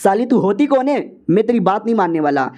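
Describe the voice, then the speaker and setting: A man's voice: high voice, sing-song, brisk, darkish tone. A man voicing a haughty, arrogant young male cultivator who talks in a sneering, threatening way. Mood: scornful.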